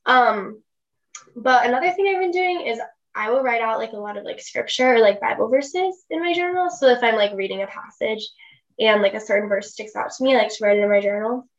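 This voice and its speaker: A woman's voice: a little high, a little fast, highs cut off. A young woman co-hosting a podcast, chatting casually and using plenty of "like" fillers. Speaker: podcast co-host. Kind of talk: casual chat.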